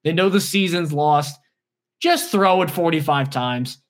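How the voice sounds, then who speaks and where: A man with a fairly high speaking voice co-hosts a casual sports podcast. His delivery is wry and blunt, full of dry, sarcastic jokes. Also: a little slow. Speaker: podcast co-host.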